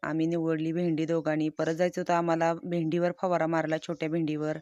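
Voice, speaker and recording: A woman's voice: sits low, level tone, fast talker, dark tone, no echo, muffled recording. A woman narrating her village life vlog in a casual, chatty and homely way, cheerfully describing everyday chores.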